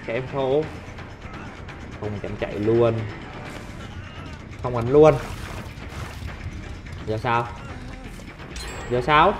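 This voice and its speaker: Brief: male gameplay commentator, slow-spoken but excitable, game music loud underneath. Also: mid-range voice. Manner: excitable, talks and swears at on-screen opponents. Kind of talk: let's play commentary. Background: game music and sound effects.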